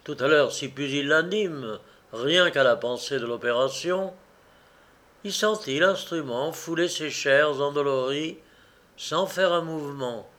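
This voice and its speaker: Male audiobook reader, slow and measured, slightly high voice, classic fiction. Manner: slow, measured, expressive reading. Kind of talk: scripted narration of a classic novel.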